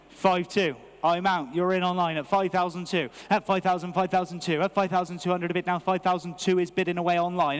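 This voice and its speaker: A man's voice: high voice, long reverb tail. A British man working as an auctioneer, calling live bids in a repetitive, rhythmic chant of figures.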